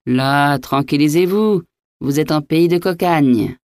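A woman's voice: low voice, slow pace, a little mellow, dry recording, studio quality. A woman voicing an impertinent, phlegmatic male innkeeper who mocks his guests, in an audiobook reading. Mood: mocking. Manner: cool, mocking insolence.

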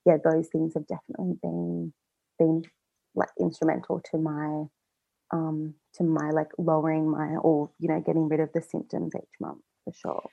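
A woman appears as a podcast guest in a casual personal interview, chatting loosely with lots of fillers and often quoting her own thoughts. Her voice sits low with a level tone and some vocal fry, at a moderate pace. The lo-fi recording sounds slightly dull.

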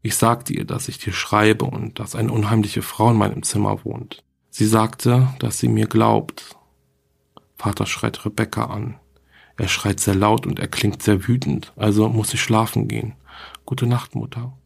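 A man reading as a lonely young girl who writes her diary to her dead mother, in a plain, quiet horror story reading. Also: on the low side, level tone, a little slow, creaky, slightly rough, full character voice. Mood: fearful.

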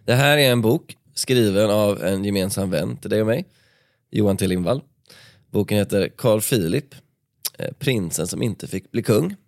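A male podcast host speaks in a fairly low voice, switching between casual chat and a dramatic read-aloud. He is recorded close and dry in a studio. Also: lively intonation, gravelly, no echo. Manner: storytelling, reads with dramatic pacing. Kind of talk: casual chat and reading a book passage aloud. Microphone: studio microphone.

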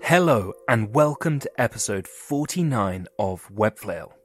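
A man's voice: fairly low pitch, lively intonation, a little slow, slightly rough, faint music behind. Upbeat male podcast host. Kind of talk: podcast interview.

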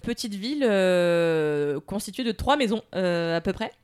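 A woman's voice: mid-range voice, unhurried, clear, resonant tone. Chatty French woman telling stories. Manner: chatty, animated, many fillers and slang. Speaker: podcast guest. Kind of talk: casual storytelling.

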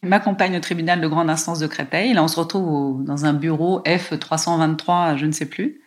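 A woman from France telling a personal story in a lively, emotional way, with many small hesitations. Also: sits low, a little fast. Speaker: guest telling her life story.

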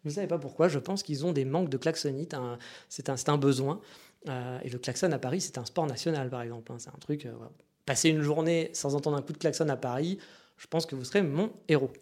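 A man's voice: a little high, quick pace, darkish tone. A man hosting a casual monologue, chatty and meandering, with frequent asides to his listeners. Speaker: podcast host.

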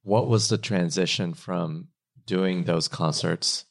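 A man's voice: low voice, slow, creaky. A man hosting a podcast, asking friendly, curious questions. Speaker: podcast host. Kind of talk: podcast interview.

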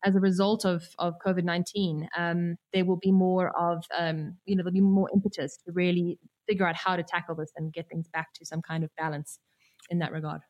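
A woman filmmaker answers interview questions, pausing and hedging with frequent fillers. Her voice sits a little low. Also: flat delivery, darkish tone, lo-fi sound. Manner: hesitant, many fillers. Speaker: documentary filmmaker guest.

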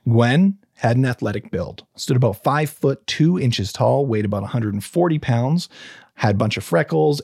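A man with a husky, slightly breathy voice tells a true crime story in a casual podcast chat. He reads from notes, trips over words and restarts, then breaks off into loose asides. The sound is close and dry, with no room around it. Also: medium pitch, darkish tone, no room sound. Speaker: podcast host telling a true crime case.

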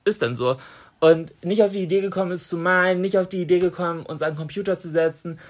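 A woman in her thirties co-hosts a podcast, speaking fast in a fairly low voice. In casual chat she animatedly tells an anecdote, laughs often, and acts out the things she said back then.

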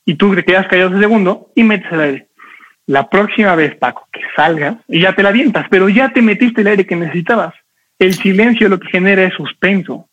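A man coaching an audience on public speaking, talking fast and energetically with lots of rhetorical questions. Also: high-pitched, dull audio.

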